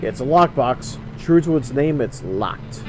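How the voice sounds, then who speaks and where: A man's voice: medium pitch, lively intonation, measured pace. A man giving let's play commentary, reading game text aloud and commenting as he plays. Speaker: gamer playing and narrating a video game. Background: game music with guitar.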